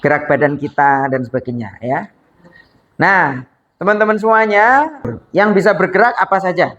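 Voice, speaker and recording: A man's voice: high voice, moderate pace, a bit bright, dull audio. Upbeat man coaching a storytelling class. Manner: upbeat, coaxing, counts students in. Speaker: storytelling teacher. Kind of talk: workshop lecture with practice drills.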